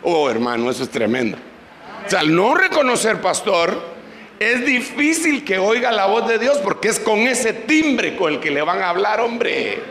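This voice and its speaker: A man's voice: sits high, sing-song, moderate pace, a bit bright, roomy sound, long reverb tail, low-quality recording. A man preaching a sermon as pastor, leading the congregation in prayer. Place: church.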